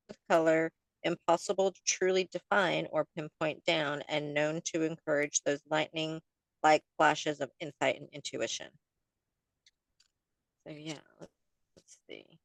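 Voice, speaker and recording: A woman co-hosting a casual podcast, talking in a fairly low voice. She reads card text and chats, tripping over words and laughing along. The sound is dry and close. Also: measured pace, pauses often, no echo. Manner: chatty, stumbles over words, laughs often. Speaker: podcast co-host. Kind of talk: casual chat and oracle card reading.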